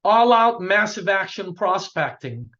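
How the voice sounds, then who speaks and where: A business coach with a high, bright, pushed voice swings widely in pitch while keeping a measured pace, though the recording is muffled. He delivers a punchy, repetitive motivational talk to a sales team, asking "okay?" after every point.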